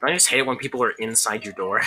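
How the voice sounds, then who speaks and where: A woman's voice: rumbling low, quick pace, very noisy. A woman doing goofy let's-play commentary on a game, rambling jokes and laughing often. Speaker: gameplay YouTuber.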